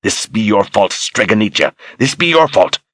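Guy doing an angry cruel general, shouty, stiff old grammar, dry sound. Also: lowish voice, animated, moderate pace, dry recording, pitched above the performer's own voice. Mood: raging. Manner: harsh, commanding, archaic grammar. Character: cruel wrathful male zealot general.

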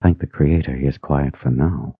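A man voicing a composed, stern woman, a senior religious sister, who speaks in a calm, measured, firm way. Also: low-pitched, husky, no echo, narrow, tinny audio, exaggerated voice. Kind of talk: audiobook character voice.

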